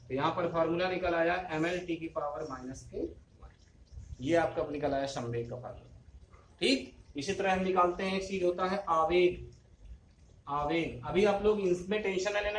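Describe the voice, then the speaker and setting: Physics teacher, male, high voice, echoey room with faint noise, quizzes the class and answers himself. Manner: asks students questions and answers them himself; addresses students fondly as children. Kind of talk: classroom lecture.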